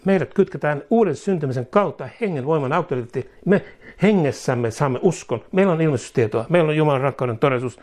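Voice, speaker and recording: A man's voice: a little high, lively intonation, a little mellow. A man preaching a sermon, emphatic and repetitive, rising into fervent prayer.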